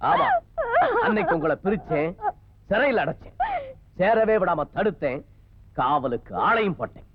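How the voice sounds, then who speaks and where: An actor playing a vengeful, domineering elder brother in a film melodrama, menacing and shouting in bursts. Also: male voice, high-pitched, huge pitch swings, normal speed, no room sound, full character voice. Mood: gloating. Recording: dull lo-fi film soundtrack with music.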